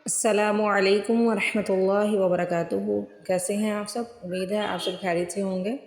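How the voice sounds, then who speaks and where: A woman who teaches the Quran online, giving a recitation lesson and patiently breaking words into syllables that she repeats slowly. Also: medium pitch, steady tone, a little mellow. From Pakistan. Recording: roomy echo with long reverb, faint music.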